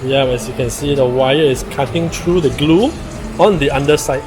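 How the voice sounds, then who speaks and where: A man's voice: medium pitch, normal speed, music in the background. A man with a Singaporean accent hosting a casual vlog, speaking colloquially with Singlish particles and tag questions. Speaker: vlog host. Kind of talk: casual vlog chat to viewers.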